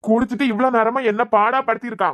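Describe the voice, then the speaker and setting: A woman with a Kanyakumari Tamil accent voicing an exasperated young man who answers with quick, sarcastic explanations in a cartoon web series. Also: on the high side, steady tone, fairly bright tone, no echo, clean studio sound, close to an everyday voice. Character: exasperated young man, patient but fed up.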